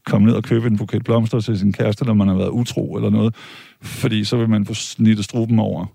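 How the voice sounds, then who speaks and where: A man's voice: on the low side, flat delivery, creaky, warm tone, slightly rough, dry recording, studio quality. A man in a heated debate, blunt and argumentative, swearing casually.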